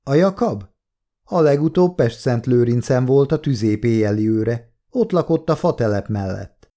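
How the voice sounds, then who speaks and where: A man voicing a dying older woman with a smoky, raspy voice who talks bluntly and wearily. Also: medium pitch, expressive, dark tone, natural voice. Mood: gruff, weary. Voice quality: raspy, smoke-roughened. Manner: blunt, weary, coarse talk.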